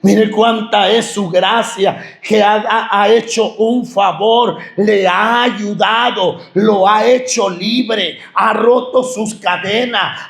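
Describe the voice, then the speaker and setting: A male pastor preaching a sermon with fervor, often raising his voice to a shout and repeating phrases for emphasis. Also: sits high, gravelly, roomy sound. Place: church.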